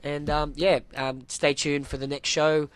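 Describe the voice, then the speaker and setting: Man, breakfast radio host, nasal head cold, flat delivery, dry studio mic. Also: a little high, unhurried, clear, resonant tone, no room sound. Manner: relaxed, hesitant, many "uh" and "um". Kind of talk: casual breakfast radio chat. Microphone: studio microphone.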